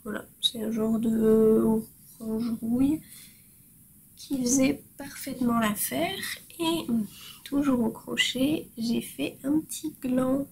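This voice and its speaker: A woman's voice: fairly high pitch, slow pace, gravelly, darkish tone, a little hiss or hum, rough recording. A woman hosting a crafting podcast, chatting casually and cheerfully while showing her work, with frequent hesitations and fillers. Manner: cheerful and self-mocking. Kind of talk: casual show-and-tell chat.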